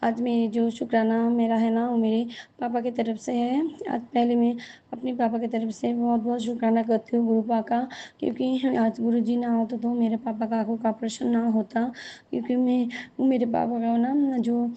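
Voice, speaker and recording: Hoarse woman, flat devotional drone. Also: a little high, muffled recording. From West Bengal, India. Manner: repetitive, prayerful, halting with fillers. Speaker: devotee sharing a thanksgiving satsang. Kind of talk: devotional testimony and repeated thanksgiving.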